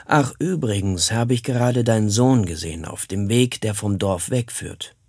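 A man's voice: fairly low pitch, moderate pace, a little mellow, breathy edge, no echo, studio quality. A man voicing a sly grown man who calls out and chats casually, in an audiobook reading. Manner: friendly calling, casual. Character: sly adult man who pinches children. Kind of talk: audiobook character voice.

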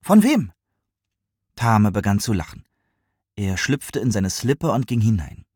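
Male audiobook narrator, calm, even, very deep, husky, dry close sound. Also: a little slow, no room sound. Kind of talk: scripted narration.

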